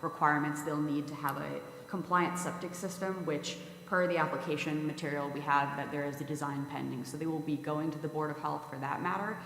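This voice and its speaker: A woman's voice: sits low, fairly even intonation, fairly quick, few pauses, fairly bright tone. A woman on town planning staff, reading out conditions in a formal report at a public meeting. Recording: echoey meeting hall, faint noise.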